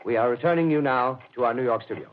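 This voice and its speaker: A man's voice: medium pitch, fast, natural voice. Man as an earnest reporter on tinny old radio. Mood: formal, composed. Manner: formal, hesitant, searching for words. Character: earnest, eager male radio field reporter. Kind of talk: 1930s radio drama acting as live commentary. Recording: tinny, noisy old 1930s radio broadcast.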